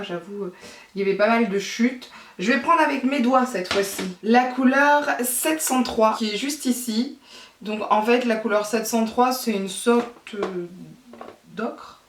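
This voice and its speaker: A woman's voice: mid-range voice, slight background noise. Woman, beauty vlogger, chatty makeup tutorial, distant mic, echoey room. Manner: chatty, thinking aloud with fillers and asides.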